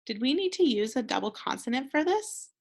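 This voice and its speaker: An American woman teaching a slow, clear phonics lesson to young children, patient and encouraging, pausing for answers. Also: high-pitched, very animated. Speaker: second grade teacher.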